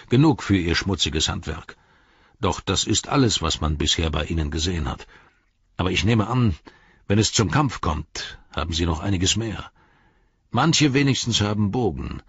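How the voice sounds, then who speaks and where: A sturdy hobbit farmer, as a male reader plays him, deep and husky, laying out matters plainly. His tone stays steady and practical. The sound is dry and a touch muffled. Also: moderate pace, dry recording, heavily acted. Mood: matter-of-fact. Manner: matter-of-fact, explaining. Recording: dry, slightly dull studio sound.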